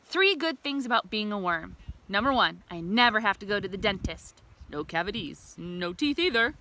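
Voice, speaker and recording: In a noisy outdoor recording by a river, the woman reads the picture book aloud to young listeners like a teacher, sprinkling in chatty asides and questions. Her medium-pitched voice sounds animated and sharp, at a normal speed.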